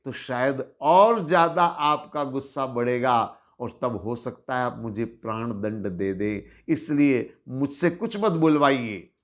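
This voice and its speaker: A man voicing a humble female servant who pleads softly with her master. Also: medium pitch, takes it slowly, lightly acted. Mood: pleading. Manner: soft, pleading, apologetic.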